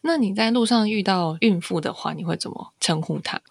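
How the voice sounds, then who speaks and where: A woman co-hosts a casual podcast. She is recorded close and dry, at a middle pitch. She laughs readily and keeps her side of the talk brief and agreeing. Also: fairly quick, gravelly, slightly rough, dry recording. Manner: laughs often, short affirming replies. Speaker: podcast co-host. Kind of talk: casual chat.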